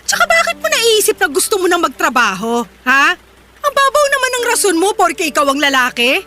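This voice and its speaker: An actress playing a tired working mother in a radio drama, scolding and sarcastic as she shouts at her partner. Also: very high voice, wildly swooping pitch, a little fast, background noise, exaggerated voice. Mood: angry scolding. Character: sharp-tongued working mother, exhausted and scolding. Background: music bed.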